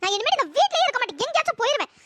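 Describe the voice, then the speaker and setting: A voice actor playing a young wife in a cartoon story, heartbroken and bitter, with a high pitch-shifted voice. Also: big pitch swings, racing, bright, forceful tone, heavily acted. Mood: irritated. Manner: wailing then scornful.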